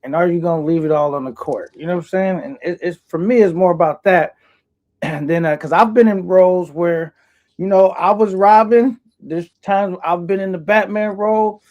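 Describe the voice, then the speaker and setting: A man's voice: high voice, normal speed, a little mellow. A man co-hosting a livestream over headset audio, laid-back and rambling, reading viewer comments aloud. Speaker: livestream co-host reading chat. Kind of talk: casual livestream talk.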